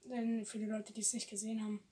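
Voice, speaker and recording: High-voiced teen girl, crude teasing slang. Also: little pitch movement, fast talker, dark tone. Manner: crude teasing slang, giggly, drops to whispers. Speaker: vlogger. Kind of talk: casual chat. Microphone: phone on a tripod.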